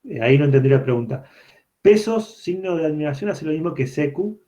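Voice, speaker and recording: This man's voice sits a little high, with a dark tone, expressive delivery and a slightly fast pace. He's teaching a university programming course online, explaining each step and often making sure students are following. The sound comes through a computer mic on a video call, giving it a dull, lo-fi quality.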